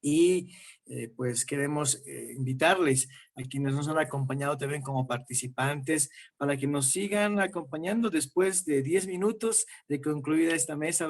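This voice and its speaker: A man moderating a conference panel, giving formal closing thanks in a measured way with many filler pauses over a video call. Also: on the high side.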